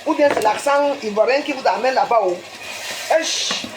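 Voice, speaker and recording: A woman with a Cameroonian French accent scolds her live-stream viewers in a high, insistent voice. She lectures with rhetorical questions and a pushy "hein?" at the end of her lines. The sound is roomy and echoey, with a faint hiss of noise behind her. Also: moderate pace.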